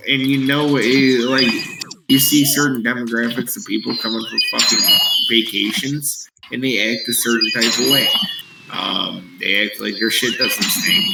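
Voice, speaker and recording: A man's voice: medium pitch, vocal fry. Young guy swearing thru a long story while gaming, kinda far from the mic, echoey. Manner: profane, rambling anecdote-telling. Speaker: streamer chatting while gaming. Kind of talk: casual storytelling chat. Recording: roomy, distant, heavy background noise.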